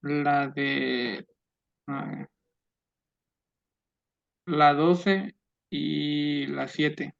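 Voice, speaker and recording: A male student answers in short, hesitant bits over a video call, his voice gravelly and flat, with little rise or fall. The call audio is dull and lo-fi. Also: fairly high pitch, extremely slow, long pauses.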